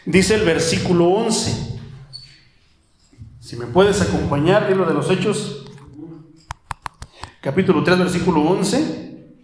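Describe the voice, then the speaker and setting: A man preaching a sermon as pastor, animated, firing rhetorical questions and calling listeners "my brother". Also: high-pitched, slow pace, long pauses. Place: church hall. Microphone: handheld microphone. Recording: very echoey church hall.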